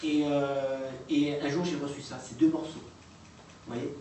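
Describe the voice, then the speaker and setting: A man's voice: fairly high pitch, little pitch movement, unhurried, dark tone. A man presenting recordings to a live audience in an informal, hesitant way, full of fillers and restarts. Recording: echoey room, distant mic, noisy.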